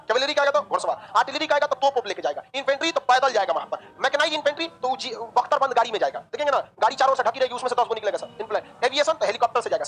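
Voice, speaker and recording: A woman teaching a history class, lively and joking, asking the class questions and answering them herself. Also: high voice, rough recording. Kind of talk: online class lecture.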